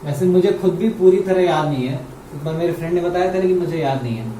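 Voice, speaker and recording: Male Hindi-speaking grammar teacher, Indian English accent, dark tone, quizzes the class, roomy echo. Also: on the high side, quick pace. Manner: repeats key words and asks the class questions. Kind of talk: explaining grammar at a board in Hindi. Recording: roomy, mic far off, faint hum.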